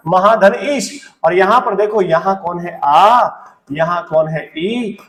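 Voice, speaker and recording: A man's voice: sits high, takes it slowly, fairly bright tone, echoey room, distant mic. A man teaching a Hindi grammar lesson for exam prep. He repeats key points, asks questions and answers them himself, and jokes with students. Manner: playful banter, acts out student questions.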